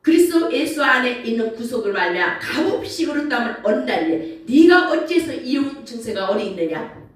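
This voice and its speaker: A woman preacher giving an animated sermon and acting out grumbling prayers. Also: on the high side, moderate pace. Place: church sanctuary. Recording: echoey church hall from far off.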